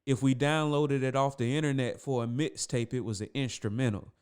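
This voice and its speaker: A male podcast host talks easily with his guest, his voice clear and resonant. He often doubles a word as he gets going, keeping it loose and conversational. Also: medium pitch, fairly even intonation, fairly quick, darkish tone. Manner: conversational, repeats words as he restarts, chuckles. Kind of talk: casual interview chat.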